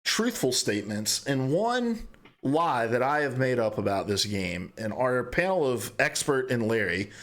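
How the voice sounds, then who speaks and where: A man's voice: medium pitch, very animated, unhurried, fairly bright tone. A man hosting a casual gaming podcast, running a quiz segment with joking game-show patter. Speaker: podcast host.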